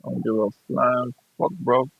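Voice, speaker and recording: Brief: young Nigerian-accented streamer, husky voice, blunt and profane, looping his points; dull lo-fi recording. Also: medium pitch, little pitch movement, unhurried, no room sound. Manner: blunt, profane, repeats himself. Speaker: gaming streamer. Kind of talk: casual ranting chat. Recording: dull lo-fi dry sound.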